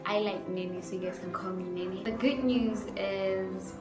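A woman chatting excitedly to the camera in a casual vlog. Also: medium pitch, unhurried. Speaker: guest on vlog. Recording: roomy echo with music.

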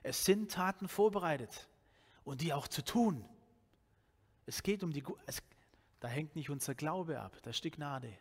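A man's voice: on the high side, moderate pace, pauses often, husky. A Swabian man in his forties preaches with a slightly raised voice, talking to the congregation as if in conversation and restarting phrases as he goes. His headset mic picks up a long, lingering reverb from the church hall around him. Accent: Swabian German. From Swabia, Germany. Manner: conversational, animated, with many restarts and fillers. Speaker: pastor. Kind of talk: sermon.

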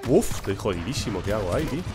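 A young man giving excited, shouty live commentary over his own gameplay, swearing and laughing at himself. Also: fairly low pitch, racing. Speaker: gameplay streamer.

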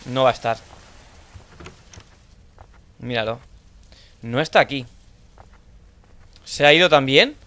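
A young man with a Spanish accent from Spain, playing a horror game and thinking aloud in low mutters, now and then shouting out. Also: takes it slowly, pauses often. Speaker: gaming streamer. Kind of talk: horror let's play commentary.

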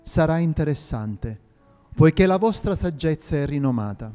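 Man doing a deep, gentle holy friar. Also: animated, normal speed, clean tone, close to an everyday voice. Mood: solemn. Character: humble gentle saint, devout and serene. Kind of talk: audio drama reading. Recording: reverberant hall with faint music.

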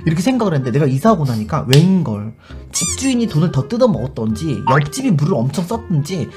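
A man hosting a casual storytelling vlog, chatty and animated, acting out the people he quotes. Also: fairly high pitch, fast, music in the background. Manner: chatty, many fillers, addresses viewers. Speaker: YouTuber host.

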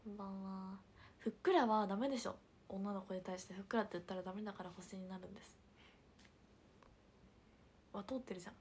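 A young woman livestreaming, chatting casually and reading viewer comments, with a hint of Hiroshima dialect and soft murmured asides. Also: mid-range voice, flat delivery, quick pace, pauses often, a little hiss or hum. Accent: picking up Hiroshima dialect. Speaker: idol livestreamer.

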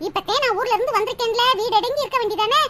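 A woman's voice: extremely high pitch, racing, voice pushed down. A woman voicing a complaining young sister-in-law in a cartoon. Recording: loud background noise.

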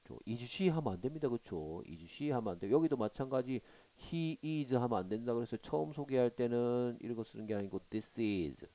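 A man teaching an English exam-prep lesson, reading dialogue lines slowly and carefully and then explaining them. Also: mid-range voice, animated, warm tone, low-quality recording.

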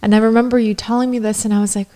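A woman's voice: fairly high pitch, flat delivery, racing, warm tone. A woman in her thirties co-hosting a home podcast, chatty and upbeat, filling her talk with "like", into a studio mic. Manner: chatty, upbeat, laughs often, lots of "like". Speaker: podcast co-host. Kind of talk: casual chat. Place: living room at home. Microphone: studio mic on boom arm, headphones.

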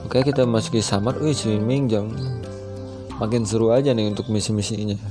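A young gaming YouTuber with an Indonesian accent gives casual, slangy gameplay commentary into a headset mic over game music. His voice sits on the low side, with fairly even intonation and a slightly fast pace.

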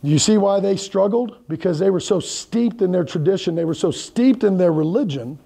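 In a church hall with a projection screen, a middle-aged male pastor preaches conversationally, moving around, gesturing and repeatedly questioning the congregation. His fairly high voice is nonetheless dark and mellow with a gravelly rasp. He's animated and speaks at a moderate pace.

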